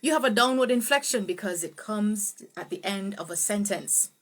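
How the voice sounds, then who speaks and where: A woman teaching a live online speech tutorial, greeting viewers and swooping her pitch up and down to show emphasis. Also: animated, moderate pace. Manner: greets viewers by name, laughs easily. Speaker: speech coach.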